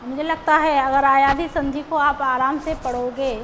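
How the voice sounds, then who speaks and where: A woman's voice: high-pitched, fairly even intonation, normal speed, fairly bright tone, a little hiss or hum, low-quality recording. A woman teacher explaining grammar step by step, patient, who often checks in with her students as she goes.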